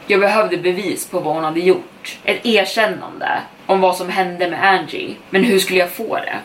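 A woman podcast host narrating a first-person story in a steady, even manner, recorded a bit far from the mic with faint background noise. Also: on the low side.

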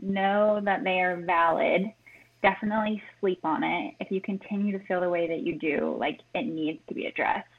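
A woman's voice: on the low side, moderate pace. Earnest woman on a tinny phone line. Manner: earnest, direct advice-giving. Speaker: guest. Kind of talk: casual chat.

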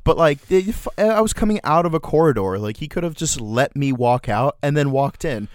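A man's voice: a little high, animated, normal speed, darkish tone, clean tone, no echo, studio quality. A man co-hosting a casual comedic podcast, rambling sardonically and swearing freely. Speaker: podcast co-host.

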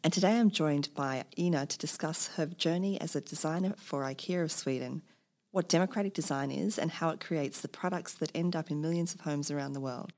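A woman's voice: deep voice, brisk, darkish tone. A woman from Australia hosting an interview, asking questions and offering short encouraging replies. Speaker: interview host. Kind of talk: casual interview.

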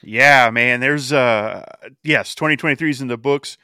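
A man's voice: mid-range voice, moderate pace, sharp tone, clean tone, no room sound, studio quality. A man co-hosting a podcast in casual chat, with loose, hesitant phrasing. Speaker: podcast co-host.

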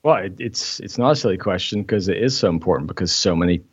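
A man from Scotland with a mixed British and Canadian accent is a guest on a podcast interview, chatting easily, laughing often and using lots of fillers. His voice is low and breathy, he talks fast, and the audio is dull.

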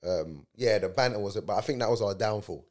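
A man in his thirties with a lowish, slightly fast, somewhat mellow voice chats casually as an interview guest. He is a professional footballer with an urban London roadman street accent, talking in heavy slang peppered with check-in tags.

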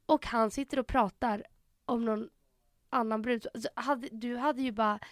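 Young woman podcast cohost, kinda high smooth voice, acts out all the quotes, dry close mic. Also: no echo. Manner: animated storytelling with acted quotes. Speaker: podcast co-host. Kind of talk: casual chat.

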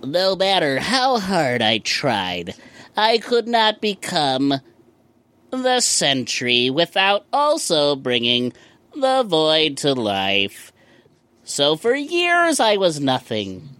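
A man's voice: fairly high pitch, takes it slowly, no echo, full character voice. A man putting on a stiff robot voice to read a male comic-book hero's lines as a dramatic reading on a podcast. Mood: stiff, robotic. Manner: flat mechanical robot-like delivery, dramatic reading.

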